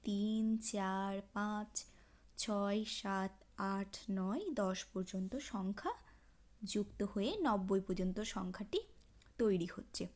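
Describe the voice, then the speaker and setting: Lady teaching french numbers, takes it really slow, repeats each one. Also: mid-range voice, level tone, a little mellow. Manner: slow, drawn-out pronunciation drills. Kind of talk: language lesson.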